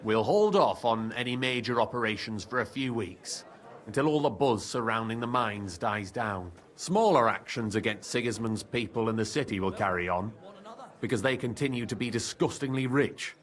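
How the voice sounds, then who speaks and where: An actor playing a scheming male guild leader in a medieval video game, measured and confident. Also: medium pitch, lively intonation, a bit bright, natural voice. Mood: calm.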